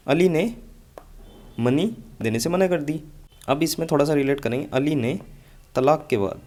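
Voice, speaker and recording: A man teaches English vocabulary for a competitive exam. He explains each word patiently and goes back over his memory tricks. His voice sits at an ordinary, middling pitch for a man. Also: darkish tone. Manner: explains patiently, repeats mnemonics, says "ठीक है" often. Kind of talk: exam-prep lesson with mnemonics.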